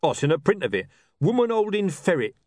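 Casting: male reader doing a brash cursing thug, loud, punchy, lively pitch, dry close sound. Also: fairly quick, dry recording. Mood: gruff. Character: loud, coarse, swearing male thug with a love of art.

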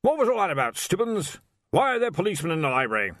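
Pompous, loud old head wizard, high and bossy, dry close read, from a man narrating. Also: sing-song, fast talker, no room sound. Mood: blustering. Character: blustering older male wizard headmaster. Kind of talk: audiobook character voice.

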